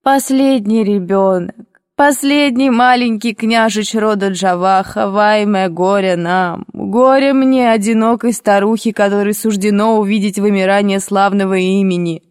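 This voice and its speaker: A woman voicing a grieving old noblewoman grandmother who wails a slow lament. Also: mid-range voice, steady tone, darkish tone, clean tone, no room sound, studio quality, lightly acted.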